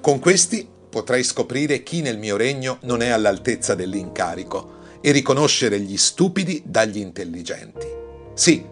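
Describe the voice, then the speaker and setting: A man's voice: mid-range voice, lively intonation, normal speed, voice pushed up, lightly acted. A man voicing a vain, anxious emperor with a raised, exclaiming voice. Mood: eager. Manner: fretful, exclaiming. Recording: faint music behind the voice.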